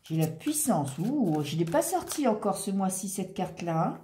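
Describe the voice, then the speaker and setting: Mellow-voiced woman reading tarot. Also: medium pitch, very animated, normal speed, roomy sound. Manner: chatty and reassuring, thinking aloud over cards. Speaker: tarot reader. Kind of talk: casual tarot reading monologue.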